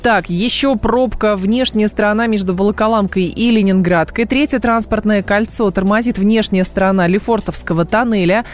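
A woman hosting live radio news talk in a studio, speaking briskly with frequent filler sounds between points. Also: mid-range voice. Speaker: radio host. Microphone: studio microphone.

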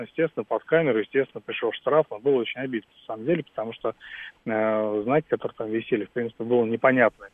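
Brief: male caller, quick talker, slightly aggrieved, tinny phone line. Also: mid-range voice, no echo.

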